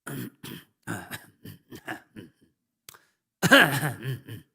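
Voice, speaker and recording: A man's voice: medium pitch, sing-song, extremely slow, vocal fry, pushed and bright, slightly rough. A middle-aged male senior pastor preaching a sermon, with emphatic rises and conversational asides. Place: church sanctuary. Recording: long church hall reverb.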